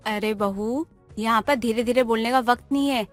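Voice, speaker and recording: A woman voicing a bossy neighbor aunty who calls out loudly and urgently in an animated moral story. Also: a little high, normal speed, soft background music, close to an everyday voice. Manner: loud, urgent, calling out.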